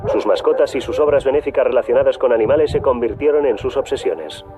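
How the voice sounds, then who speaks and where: A man giving scripted documentary narration in a measured, even storytelling manner. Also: medium pitch. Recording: tinny phone-like audio with music bed. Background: background music.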